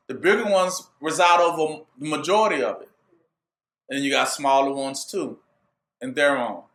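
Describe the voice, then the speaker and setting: A man with a high, ringing voice preaches a sermon in a call-and-response manner, posing questions for his listeners to complete. His bright tone carries through a reverberant room.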